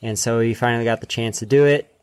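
A man's voice: medium pitch, steady tone, quick pace, a little mellow, clear, resonant tone, no room sound. A man hosting a podcast, chatting casually as he records outdoors in a backyard. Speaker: podcast host. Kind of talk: casual interview chat.

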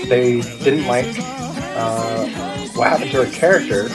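A man co-hosting a podcast over a call, calmly explaining things at length. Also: medium pitch, a little slow, loud music behind the voice. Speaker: podcast co-host. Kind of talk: casual podcast chat, remote call.

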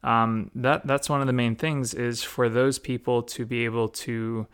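A young adult man, a mobility coach, explaining in a relaxed conversational way, with plenty of fillers and restarts. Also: mid-range voice, measured pace, smooth. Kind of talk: casual explanatory talk.

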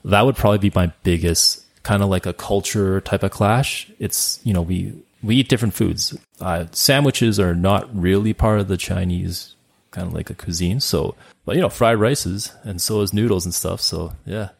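A man from Canada speaks Cantonese in a very low, gravelly voice with fry. As a guest in a casual interview, he chats loosely at normal speed, repeating words and filling gaps with fillers.

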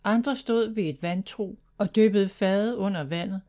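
A woman reading a children's fantasy story aloud, in steady, even narration. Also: mid-range voice.

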